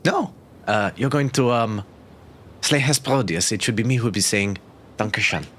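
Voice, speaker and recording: A man's voice: on the low side, lively intonation, fairly bright tone, slight background noise. Shy German innkeeper woman, put on by a man. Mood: polite. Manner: polite, bashful, halting.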